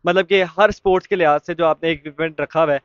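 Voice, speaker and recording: Speaking quickly in a smooth, fairly high voice with a steady tone, a young vlogger with a Pakistani Urdu accent chats his way through a sports market and shop on a walking tour. He uses frequent fillers and restarts. There's no echo, but the highs are cut off.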